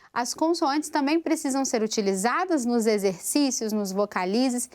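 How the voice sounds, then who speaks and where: A woman teaching a vocal technique lesson, explaining step by step and asking rhetorical questions. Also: on the high side. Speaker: singing teacher.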